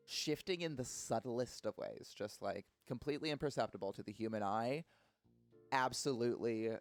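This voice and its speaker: A man chatting casually on a live stream in a playful, self-mocking way over faint music. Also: on the low side.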